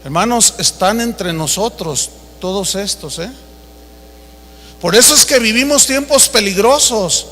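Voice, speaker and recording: High-voiced preacher in a hall. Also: male voice, expressive, a little slow, sharp tone. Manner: storytelling, emphatic, direct address to the congregation. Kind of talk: sermon.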